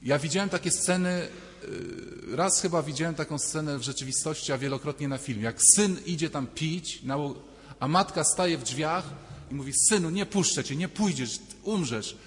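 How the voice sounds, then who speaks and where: A man's voice: a little high, moderate pace. Man preaching in a reverberant church. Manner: conversational, acting out quoted voices. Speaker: priest. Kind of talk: sermon.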